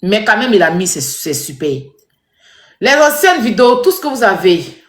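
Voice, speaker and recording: A woman giving animated, scolding commentary straight to her viewers. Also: mid-range voice, normal speed. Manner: animated, scolding, repetitive, addresses viewers directly. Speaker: social media commentator. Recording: echoey room.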